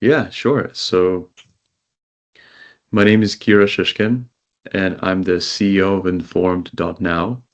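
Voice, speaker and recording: A man who grew up in Israel, a company CEO, giving measured interview answers over a call and listing things one by one. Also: low voice, steady tone. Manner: measured, lists items one by one.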